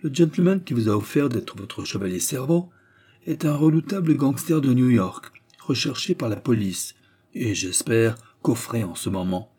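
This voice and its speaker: A man's voice: mid-range voice, animated, normal speed, warm tone, husky. A man reading an audiobook voices a scheming prince and police chief who speaks in a cold, ironic, cynical way.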